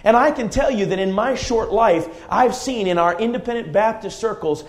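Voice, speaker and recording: A man's voice: sits high, normal speed. A man in his forties preaching a fervent, emphatic sermon full of repetition. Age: 40s.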